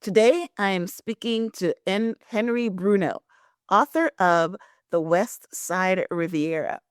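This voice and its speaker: A woman's voice: medium pitch, takes it slowly, clear, resonant tone, no echo, clean studio sound. Chatty woman from Guyana hosting a podcast. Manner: chatty, with frequent "very nice" and "um" affirmations. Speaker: podcast host. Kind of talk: podcast interview with reading of a synopsis.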